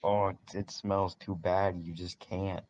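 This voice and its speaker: A man narrating as game master of a tabletop game, laid-back and halting, often restarting his sentences. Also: deep voice, little pitch movement, a little mellow. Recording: dull lo-fi mic with faint hiss.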